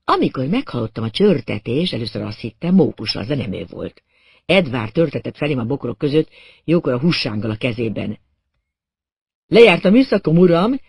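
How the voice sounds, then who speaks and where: Casting: man, first-person storyteller, animated pitch, dry close sound, audiobook. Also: gravelly, slightly rough, dry recording. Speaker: audiobook narrator.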